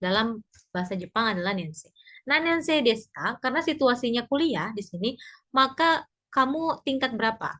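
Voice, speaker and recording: A woman teaching a basic conversation class, explaining patiently in a chatty way, repeating points and pausing with fillers. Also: a little high, lively intonation, bright, forceful tone. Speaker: Japanese teacher.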